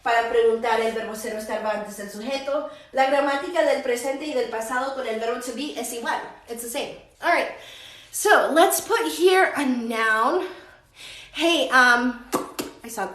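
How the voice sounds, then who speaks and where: A woman teaching English grammar in a bilingual lesson, repeating English examples slowly and explaining in quick bursts between them with light laughs. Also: fairly high pitch, fairly bright tone, echoey room. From United States. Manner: slow, drawn-out English examples repeated for practice.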